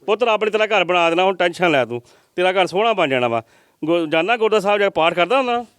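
Fast-talking earnest field reporter. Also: male voice, high voice, expressive, a bit bright, smooth, dry recording. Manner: earnest, pleading appeals to viewers.

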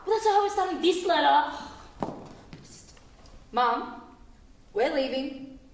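A woman's voice: high voice, slow, echoey room, distant mic, a little hiss or hum, exaggerated voice. An actress playing a cheeky, stubborn young girl writing a runaway letter on stage. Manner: deadpan, stubborn.

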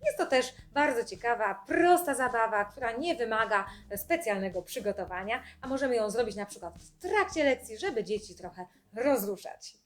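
A young adult woman speech therapist calmly explaining classroom games in an instructional video, speaking clearly with short pauses. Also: on the high side.

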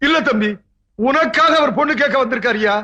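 A man's voice: very high-pitched, brisk, lo-fi sound, noisy background. A middle-aged actor playing a bald, scheming father of the bride, theatrical in a film comedy scene. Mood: eager pleading.

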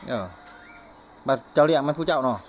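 A woman's voice: low voice, fairly quick, slight background noise. A woman with an Isan accent in casual chat, asking questions in a teasing, informal way.

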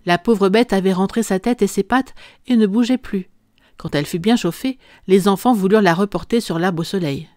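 A woman's voice: mid-range voice, fairly quick, darkish tone, no room sound, clean studio sound. Woman narrating a classic children's book. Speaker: audiobook narrator. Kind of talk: scripted narration.

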